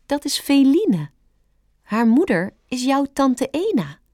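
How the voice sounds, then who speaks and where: A calm, gentle mother deer from a storybook, speaking soft and a little low, as a woman reads her out. She talks slowly and reassuringly, in a close, dry voice. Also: no room sound, exaggerated voice. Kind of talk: storybook reading.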